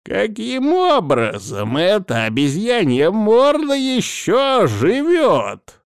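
A man voicing an irritable old male healer who shouts and drags out his words. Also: sits high, wildly swooping pitch, clear, resonant tone, no echo, clean studio sound, voice pushed up, full character voice. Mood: furious. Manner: shouting, strained and drawn-out.

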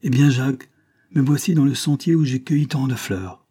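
A man's voice: moderate pace, dark tone, breathy edge, natural voice. A man reading an audiobook, voicing a young woman, an anguished and devoted lover, with a raised, pleading delivery. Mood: earnest. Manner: pleading, impassioned, rising in pitch.

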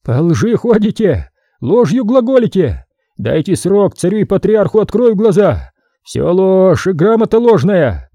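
A man's voice: high-pitched, wildly swooping pitch, unhurried, creaky, hardly any pauses, no room sound, studio quality, pitched above the performer's own voice, exaggerated voice. A man voicing a quarrelsome monk who hurls accusations at the top of his voice. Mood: furious. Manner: shouting, furious.

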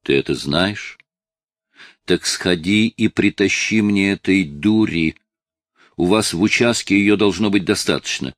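A man voicing a desperate, tearful eighteen-year-old male addict who shouts and pleads with his father, in a dry, close recording. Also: low voice, unhurried, dry recording. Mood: agitated.

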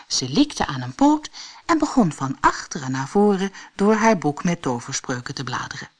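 A Dutch woman reading a children's fairy tale aloud with expressive storytelling. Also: sits low, moderate pace. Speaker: audiobook reader. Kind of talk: scripted children's story narration.

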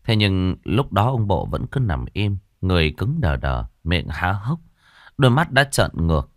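Deep-voiced male ghost story narrator. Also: measured pace, dry recording. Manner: dramatic, expressive storytelling. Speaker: audiobook narrator.

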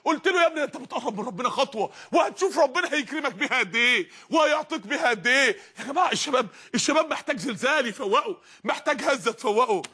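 High, fast, impassioned Egyptian preacher. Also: male voice, expressive, slightly rough. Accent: Egyptian Arabic. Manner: impassioned, swings from pleading to shouting. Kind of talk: sermon.

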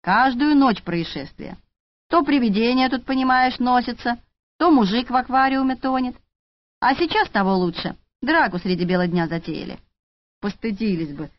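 A woman's voice: lowish voice, big pitch swings, normal speed, dry recording. A woman voicing a tired middle-aged male police officer who barks orders and grumbles in exasperation. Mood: exasperated. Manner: barking, exasperated. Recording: lo-fi audiobook recording.

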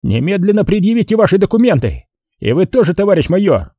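A jittery but officious military patrol major barks orders, as a male reader voices him. His voice rides higher than the reader's own and has a husky edge. The orders come out short and formal. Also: sing-song, normal speed, warm tone, no room sound. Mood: stern. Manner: curt official commands.

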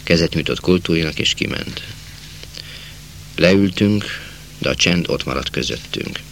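A man narrating a literary novel in a measured reading voice, slowing down for quiet passages. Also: extremely low pitch, creaky, slight background noise. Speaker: audiobook narrator.

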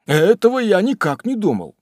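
A man voicing an excitable, courtly elderly gentleman who exclaims loudly and then turns tender and gallant. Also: high-pitched, normal speed, no room sound, studio quality, voice pushed up, exaggerated voice. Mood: excited.

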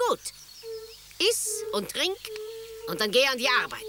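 A woman's voice: high-pitched, huge pitch swings, unhurried, exaggerated voice. A woman playing a formidable old witch in a fairy-tale radio play, brusque and grudging with theatrical threats. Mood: brusque, menacing. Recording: clearly noisy ambience behind the voice.

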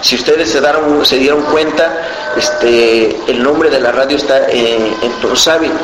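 Man, Mexican accent, Mixtec native speaker, earnest and unhurried, mid-pitched voice, echoey room. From Guerrero mountain region, Mexico. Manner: earnest, unhurried, often checking with "¿no?". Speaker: community radio member. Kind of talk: interview answers. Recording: roomy with background noise.

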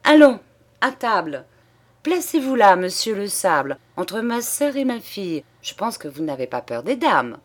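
A woman's voice: on the low side, big pitch swings, normal speed, few pauses. A woman reading an audiobook, voicing a jovial, blustering middle-aged clerk who plays the eager host. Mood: hearty. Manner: loud and hearty.

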